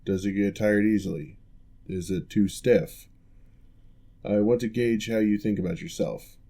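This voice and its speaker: In an ASMR roleplay, a man plays a composed male orc who was once a general and now works as a physical therapist. His voice is a little low and mellow, and he speaks in a measured, formal, reassuring way with fairly even intonation.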